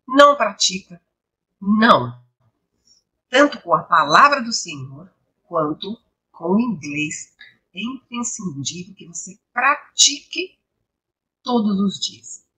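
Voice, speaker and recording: A woman from Brazil teaching English online, mixing in Bible reflections, explaining patiently and asking her class rhetorical questions, her voice a little hoarse. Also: mid-range voice, big pitch swings, slow, long pauses, bright, forceful tone, poor audio. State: slightly hoarse, coughing. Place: home, live stream.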